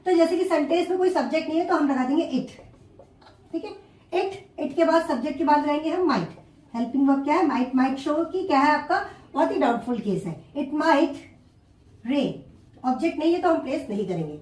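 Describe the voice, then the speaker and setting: High-voiced woman teaching grammar. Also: expressive, a little mellow. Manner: explains slowly, repeating each example word by word. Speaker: English teacher. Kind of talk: classroom grammar lesson. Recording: echoey room, far from the mic.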